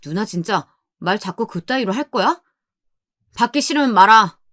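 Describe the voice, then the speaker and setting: A woman's voice: medium pitch, moderate pace, fairly bright tone, dry recording, clean studio sound, lightly acted. A woman voicing a young husband who snaps curtly and mutters in annoyance at his sister. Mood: irritated.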